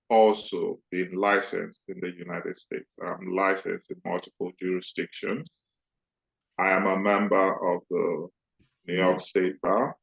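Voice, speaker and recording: A middle-aged man, an attorney, introducing himself formally on a video call, deliberate and with hesitant fillers. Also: low voice, gravelly, a bit bright. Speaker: immigration attorney guest. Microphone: laptop mic on video call. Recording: dull lo-fi video call audio.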